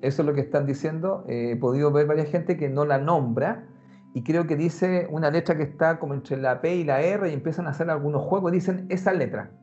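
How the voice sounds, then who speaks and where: A man talks in a lively, conversational way, often turning straight to the listener. His voice sits a little high. The recording is muffled and lo-fi, with faint music in the background. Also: fairly quick. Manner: animated, conversational, addresses the listener directly. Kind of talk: casual explanatory talk.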